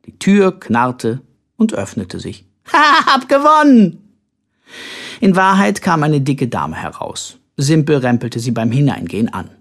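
A narrator reading an audiobook with expressive, animated storytelling. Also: medium pitch, unhurried.

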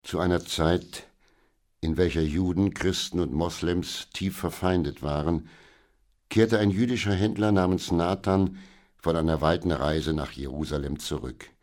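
A man narrating a children's audiobook in a calm, measured storytelling voice. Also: low voice.

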